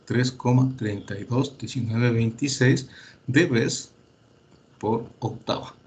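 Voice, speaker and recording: A male teacher giving a lecture, his voice sitting at an ordinary middle pitch for a man. He works through the calculations patiently, with frequent fillers and restarts. He keeps asking whether his students are following and urges them to check the results themselves. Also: takes it slowly.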